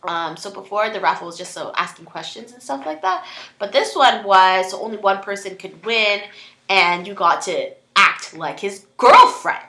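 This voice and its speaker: A bright-voiced woman chatting excitedly, her pitch leaping up and down as she tells the story. She often trails off and restarts, and the room around her gives a noticeable echo. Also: moderate pace. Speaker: co-host. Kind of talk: casual chat.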